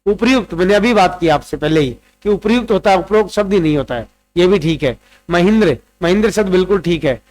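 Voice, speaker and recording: A man's voice: high voice, animated, quick pace, darkish tone, soft background music. A man teaching a Hindi grammar lesson for exam preparation, quizzing students and repeating each answer several times. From Rajasthan, India. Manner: repeats answers, drills word forms aloud; addresses students directly, quizzing them.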